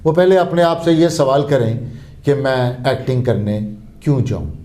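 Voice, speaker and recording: A man's voice: mid-range voice, normal speed, mellow. A man hosting an interview, courteous and formal, thanking his guest and asking viewers to follow the channel. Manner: courteous, polite formal phrases, brief agreements. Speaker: interview host. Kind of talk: interview conversation.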